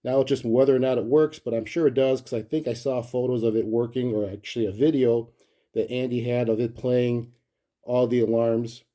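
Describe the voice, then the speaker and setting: A man's voice: medium pitch, level tone, a little fast, warm tone. A man talking casually and thinking aloud as he presents a hands-on look at a gadget, in an easygoing, unscripted way. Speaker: collector presenting a gadget review.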